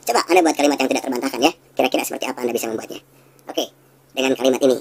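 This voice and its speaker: Fast husky low-voiced woman teaching. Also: rough recording. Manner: fast explanatory talk, acts out sales dialogue in high voice. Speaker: NLP instructor. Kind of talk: recorded lesson.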